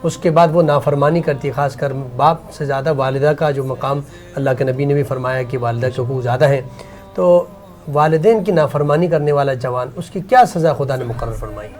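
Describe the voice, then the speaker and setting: A man's voice: mid-range voice, darkish tone, faint music behind. A man hosting a religious talk show, asking the scholar questions and retelling anecdotes with feeling. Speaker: host.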